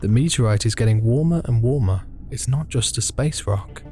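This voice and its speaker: A man's voice: mid-range voice, lively intonation, moderate pace, dark tone, faint music behind. A man playing a visual novel, reading its narration aloud and reacting with swearing and jokes. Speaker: gaming video host.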